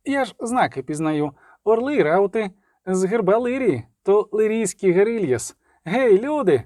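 A man playing a loud, reckless bard. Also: high-pitched, big pitch swings, moderate pace, dry recording, clean studio sound, pitched above the performer's own voice. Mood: eager. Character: excitable male poet, loud and reckless.

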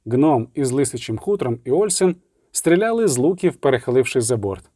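A man's voice: medium pitch, very animated, brisk, warm tone, no room sound. Man reading a dry, close audiobook. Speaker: narrator. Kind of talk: audiobook narration.

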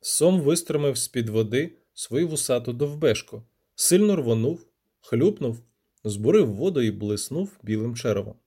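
Animated man reading an audiobook. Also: medium pitch, a little slow, breathy edge. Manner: vivid, animated storytelling. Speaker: audiobook narrator. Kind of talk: expressive scripted narration.

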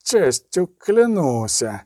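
A man voicing a pompous knight baron who speaks in a drawn-out way. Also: a little high, sing-song, dark tone, no room sound, studio quality. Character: pompous middle-aged baron knight, drawling.

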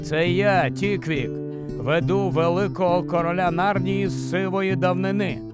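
A man's voice: high-pitched, steady tone, measured pace, loud music behind the voice, voice pushed up. A man voicing a small, cautious male dwarf guide in an audiobook. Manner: hushed, careful.

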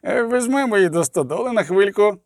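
A man's voice: sits high, lively intonation, fast, dry recording, clean studio sound, pitched above the performer's own voice. A man reading aloud and voicing a fat, coarse male mercenary who leers and taunts. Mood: leering. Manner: coarse, leering.

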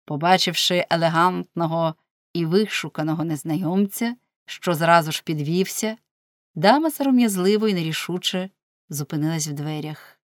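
Lower-voiced woman reading a novel aloud. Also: dry recording, studio quality. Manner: measured, expressive reading. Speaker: narrator. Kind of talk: audiobook narration.

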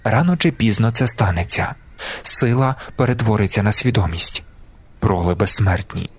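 A man narrating an audiobook in a measured, deliberate way, slowing down for emphasis. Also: lowish voice, expressive, breathy edge. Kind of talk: scripted narration.

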